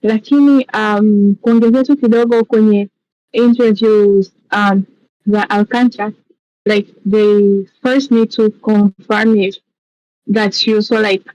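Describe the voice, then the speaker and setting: A woman's voice: mid-range voice, steady tone, takes it slowly, warm tone, no echo, muffled recording. A woman with a Tanzanian accent, a scholarship mentor giving encouraging seminar advice over a video call. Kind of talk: seminar talk mixing English and Swahili.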